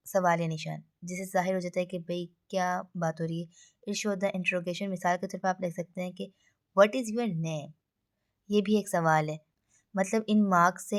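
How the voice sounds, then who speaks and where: A woman's voice: on the low side, a little mellow. A woman teaching an online English lesson in a chatty way, often turning to her students with playful asides.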